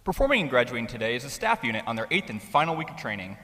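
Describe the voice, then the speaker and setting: A man's voice: medium pitch, very animated, very fast, noisy background. A man narrating a military ceremony as an officer, reading a formal script. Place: large indoor drill hall. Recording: reverberant hall public address.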